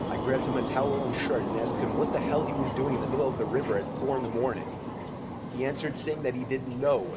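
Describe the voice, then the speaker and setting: A man reading a scripted horror story in an even, measured way. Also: medium pitch. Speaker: narrator. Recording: loud background noise. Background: loud noise.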